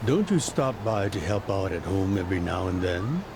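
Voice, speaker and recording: In an English-dubbed game, an actor voices a middle-aged yakuza boss who is calm and fatherly, speaking in a measured, gently admonishing way. His voice is low-pitched, and there is noise in the background.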